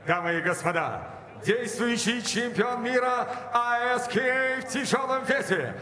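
A middle-aged or older man working as an arena announcer, introducing fights formally and theatrically with drawn-out names and titles over a handheld microphone. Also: sharp tone. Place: boxing ring in a large indoor arena. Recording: booming echoey arena PA with long reverb.

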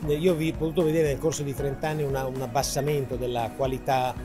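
Male publisher, measured and reflective, music in the background. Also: medium pitch, flat delivery. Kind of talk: interview answers.

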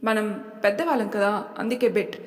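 A woman's voice: mid-range voice, moderate pace, in a large hall, natural voice. A woman voicing a boastful, competitive young father who teases his wife.

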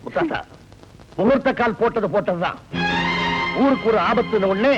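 An actor playing a stern, proud old village patriarch who booms out commands and turns gentle. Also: male voice, animated, normal speed. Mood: commanding. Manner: booming and commanding, softening to gentle. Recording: dull lo-fi film soundtrack with music.

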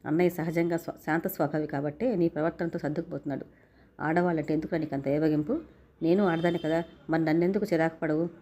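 A woman's voice: deep voice, steady tone, fast. A woman reading the lines of an outspoken college-age sister who scolds her brother, in a narrated story. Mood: scolding. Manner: sharp, scolding.

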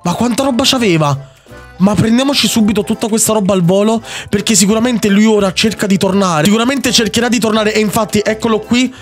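A young man giving excitable gameplay commentary, repeating himself rapidly and teasing his opponent. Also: high voice, faint music behind. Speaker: Minecraft YouTuber.

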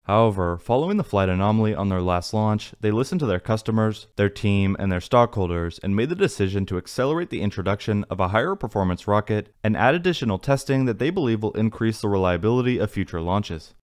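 A man narrating a technical script in an even, read-aloud manner. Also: on the low side, quick pace, hardly any pauses. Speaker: narrator of a space news channel. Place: voice-over, not in the pictured places.

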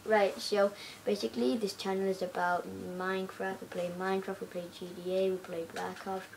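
A female gaming channel host giving casual, rambling gameplay commentary, often excitable and chanting silly sing-song lines. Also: medium pitch, fairly quick, vocal fry, a little hiss or hum, low-quality recording. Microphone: phone recording a screen.

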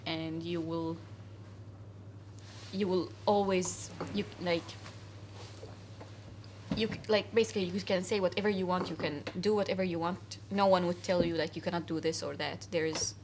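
Here a young woman from Syria, interviewed casually inside a cafe, speaks earnestly but keeps stopping to restart and fill gaps. Her lowish voice stays fairly even at a moderate pace, broken by long pauses, over a slight hiss or hum.

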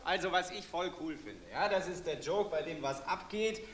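A man's voice: a little high, expressive, moderate pace, echoey room, heavy background noise, natural voice. An actor playing a cocky male prank enthusiast who talks in brash youth slang. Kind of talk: satirical youth-slang dialogue.

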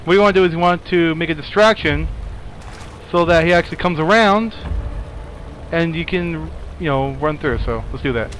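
A man's voice: on the high side, normal speed, noisy background. A young man giving casual let's play commentary, rambling and apologetic, yelping when scared.

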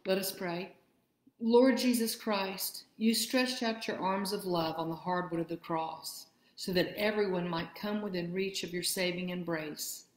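Woman leading worship with roomy church echo. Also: on the low side. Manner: measured, steady liturgical reading. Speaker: worship leader. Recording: echoey room.

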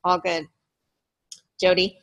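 Woman hosting a video meeting, lowish voice, chatty, fillers. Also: completely flat delivery, slow, muffled recording. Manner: chatty, laughing, many fillers. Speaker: meeting host. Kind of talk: casual video call meeting. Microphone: video call.

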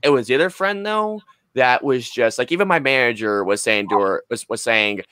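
A podcast co-host in his twenties chats casually and tells stories in a small room at home, close to a desk mic on a boom arm. His mid-range voice is smooth, pushed and bright at normal speed with no room sound, and he's emphatic, rambling and sweary.

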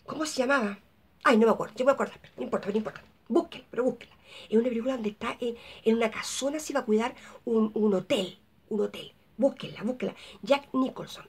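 A Chilean woman in her fifties talks through her favorite films in a loose, wandering vlog. Her voice sits high and has a breathy, husky edge. She rambles and keeps losing her train of thought. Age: 50s. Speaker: vlogger. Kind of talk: casual movie recommendations to camera.

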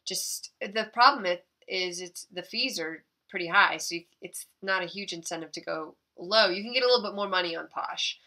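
A woman's voice: on the low side, moderate pace, few pauses, sharp tone, no room sound. A woman with a congested, nasal voice from a cold, chatting casually through her sales recap, rambling and correcting herself. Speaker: eBay reseller vlogger.

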